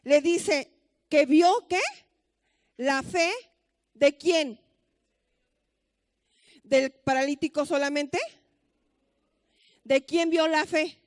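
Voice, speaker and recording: A woman's voice: sits high, fairly even intonation, very slow, long pauses, no echo. A woman pastor with a Mexican accent, giving a conversational sermon full of stories and rhetorical questions.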